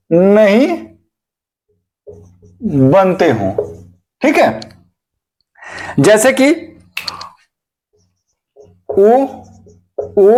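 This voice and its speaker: A man with a high voice and darkish tone teaches an exam-prep grammar lesson, addressing viewers as friends. He poses questions and answers them himself, repeating each key term.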